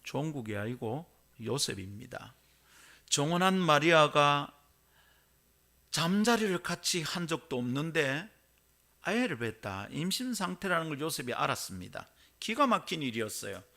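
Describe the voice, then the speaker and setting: A man's voice: a little high, big pitch swings, moderate pace, gravelly, bright, forceful tone. A male pastor with a Gyeongsang accent preaching a sermon in a church and having the congregation repeat his phrases. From Korea. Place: church sanctuary.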